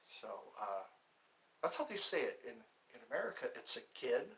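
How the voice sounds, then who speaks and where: A middle-aged man keeps his voice down to a hush while livestreaming from his phone in a thin-walled indoor room, yet he sounds very animated at a moderate pace and medium pitch. He rambles casually to viewers, drifting through stories full of fillers.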